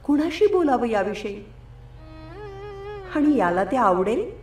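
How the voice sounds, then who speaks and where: A woman's voice: on the high side, sing-song, slow, reverberant, faint music behind. Woman playing an earnest, hurt young wife. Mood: anguished, questioning. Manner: gentle, questioning, anguished.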